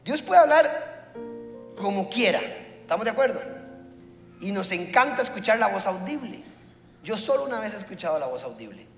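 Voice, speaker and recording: A pastor preaching a sermon, telling a story and acting out the dialogue. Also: male voice, sits high, big pitch swings, moderate pace, long pauses, reverberant, in a large hall, soft background music.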